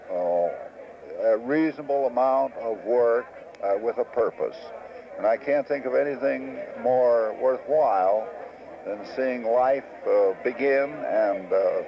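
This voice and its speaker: A man in his sixties, a former farm organization leader, giving earnest, reflective answers in an interview with many hesitant pauses. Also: medium pitch. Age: 60s. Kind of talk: recorded interview. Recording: muffled old archive tape.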